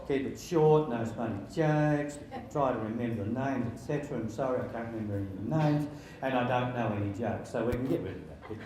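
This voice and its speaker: A man in his sixties speaks to a room of wedding guests as the father of the bride. His delivery is informal and halting, mixing dry jokes with sentiment, at an ordinary male pitch. The sound is heavily echoey, with faint noise behind him. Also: mellow.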